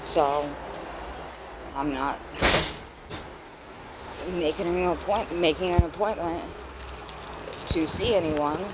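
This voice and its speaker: A woman venting in a casual monologue, halting and repetitive, with informal, sweary phrasing. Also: sits low. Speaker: vlogger. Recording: clear steady vehicle-like background noise.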